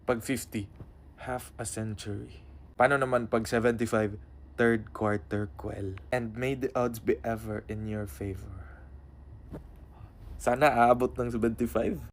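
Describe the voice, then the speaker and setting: A man's voice: medium pitch, fairly even intonation, measured pace, slight background noise. A man making a casual, comedic vlog and joking playfully. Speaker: content creator.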